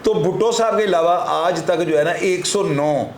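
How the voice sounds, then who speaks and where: A man's voice: high voice, unhurried. A man with a Pakistani Urdu accent, a senior crime analyst explaining legal points in an emphatic, lecturing way on a talk show. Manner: lecturing, emphatic, frequent filler 'jo hai na'. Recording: echoey room with faint noise.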